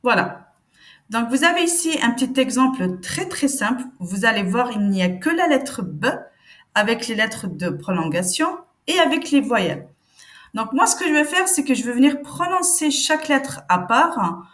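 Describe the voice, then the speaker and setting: A woman teaching Arabic reading step by step, patiently sounding out syllables slowly for learners. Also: on the high side, sing-song, fairly bright tone. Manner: patient, slow demonstrations of each syllable.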